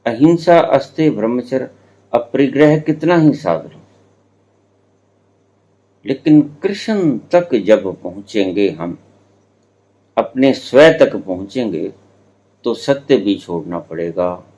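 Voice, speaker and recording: A man in his seventies giving a spiritual discourse, telling stories slowly with drawn-out words and playful teasing. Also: mid-range voice, animated, warm tone, highs cut off. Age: 70s. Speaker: spiritual teacher.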